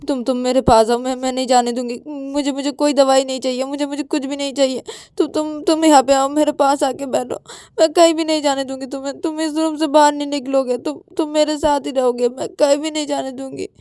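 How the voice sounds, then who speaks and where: A woman's voice: sits high, flat delivery, a little fast, dark tone, dry recording, studio quality, close to an everyday voice. A woman voicing a clingy, tearful young woman who stammers and repeats her words. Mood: pleading.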